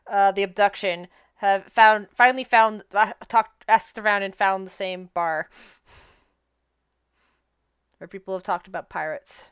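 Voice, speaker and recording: A woman's voice: mid-range voice, fairly bright tone, clean tone, no room sound, clean studio sound. A woman narrating a casual tabletop game as game master.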